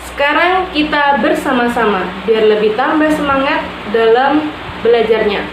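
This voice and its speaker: A woman teacher leading children through cheerful classroom clapping chants and drawn-out call-and-response lines. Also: fairly high pitch. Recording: echoey room with steady background noise.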